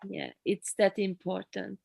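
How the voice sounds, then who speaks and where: Soft-spoken woman teaching over video call. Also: mid-range voice, a little slow, creaky, dry recording. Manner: soft encouraging murmurs, relaxed explaining. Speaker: qigong teacher. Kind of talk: leading an online group class.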